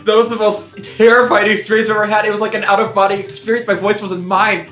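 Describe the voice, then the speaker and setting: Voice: medium pitch, level tone, fast talker, fairly bright tone. A let's-play co-host reacting with wry, easily amused remarks. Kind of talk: casual gaming commentary. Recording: roomy room with game music.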